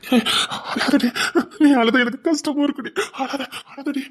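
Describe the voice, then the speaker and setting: Woman as anguished man, jail-bound, protective; pleading, tearful, voice a touch high. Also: steady tone, a little slow. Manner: pleading, tearful, urging her away. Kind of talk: Tamil web drama voice acting.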